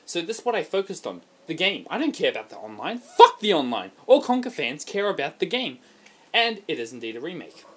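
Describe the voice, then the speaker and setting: An Australian man reviewing a video game over gameplay footage in a casual, profane, ranting way with loud emphatic outbursts. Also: a little high, very animated, fairly quick, husky.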